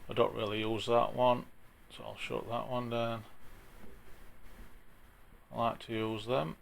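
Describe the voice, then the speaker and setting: A man with a broad Yorkshire accent talking through an informal software tutorial in a plain-spoken, chatty way, with a gravelly voice. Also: mid-range voice, little pitch movement, measured pace, a little hiss or hum. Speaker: tutorial presenter.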